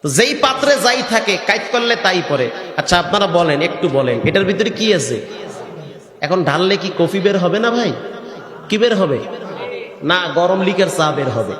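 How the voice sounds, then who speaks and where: A man's voice: sits high, a bit bright. A man preaching a sermon who breaks into sung chanting and asks the crowd questions in folksy asides. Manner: swings between sung chanting and rustic conversational asides. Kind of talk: Bengali waz sermon with sung recitation. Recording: echoey hall with long reverb.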